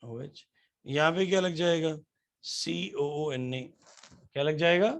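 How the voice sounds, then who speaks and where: A man's voice: a little high, slow. A man teaching chemistry to a class. He keeps asking the students questions and answers them himself, and he spells out formulas letter by letter. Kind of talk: classroom lecture.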